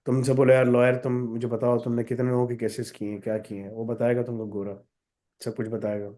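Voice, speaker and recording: Speaking briskly with a flat delivery, a man with a medium-pitched, mellow voice takes student questions in a live session. He is a college founder with a sore throat. His style is direct and instructive, and he shifts into English to stress points.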